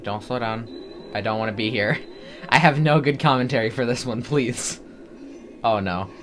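A man's voice: medium pitch, moderate pace, fairly bright tone, a little hiss or hum. A man giving casual, self-deprecating commentary while playing a video game, groaning and pleading at it. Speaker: gaming commentator. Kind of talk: casual let's-play commentary. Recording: faint game music behind.

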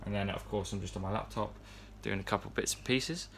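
Holding his phone camera at arm's length, a twenty-something man vlogs from an indoor yacht crew room with a fan running close by. His voice sits on the low side, a bit bright and brisk, and he rambles casually with many fillers and restarts over a little hiss or hum.

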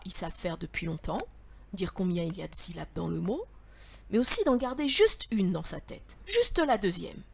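French woman teacher, slow and very lively in pitch, patient sing-song delivery for young kids. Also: creaky, breathy edge. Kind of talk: slow, clear lesson for young children.

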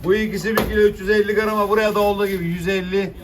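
A man's voice: sits high, steady tone, very fast. A man working as a fish auctioneer, calling out weights and prices to buyers in repetitive formulas. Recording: distant mic, loud vehicle and handling noise.

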